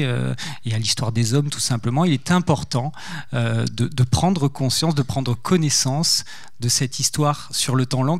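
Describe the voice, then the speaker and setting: A man's voice: medium pitch, gravelly, no echo, clean studio sound. A man hosting a public talk in French, speaking semi-formally in long, broken-up phrases with many hesitations. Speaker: event host, interviewer. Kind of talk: semi-formal spoken introduction.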